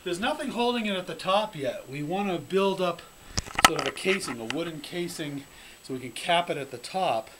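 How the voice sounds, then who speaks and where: A man casually demonstrating a homemade prototype, talking in halting bits with fillers and restarts. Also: a little high, animated, background noise. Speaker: hobby builder demonstrating a prototype. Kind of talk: casual home-video demo. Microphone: handheld camera mic.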